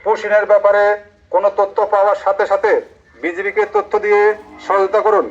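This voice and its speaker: A man from the border guard reading a formal public warning over a PA loudspeaker, slow and measured. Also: high-pitched, little pitch movement, faint music behind. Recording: muffled lo-fi loudspeaker sound.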